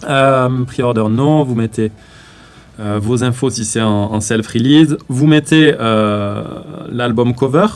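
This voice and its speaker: A man with a French accent giving a casual, slangy music-marketing tutorial, often pausing with fillers while walking through an upload. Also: medium pitch, a little mellow, clear, resonant tone. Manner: slangy, hesitant with many fillers while clicking. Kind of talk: casual screen-recorded tutorial.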